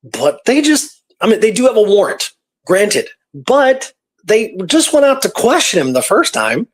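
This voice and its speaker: A radio co-host tells a historical story in a casual way, stopping and starting and repeating phrases for emphasis. His voice sits high and he is very animated.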